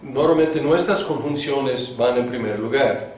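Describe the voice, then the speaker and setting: A male teacher lectures a class at a slow, unhurried pace, pausing on fillers as he thinks aloud. His voice sits at an ordinary middle pitch. He is recorded from a distance in a strongly echoing classroom with faint background noise. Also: darkish tone. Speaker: Greek teacher. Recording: echoey classroom from a distant mic.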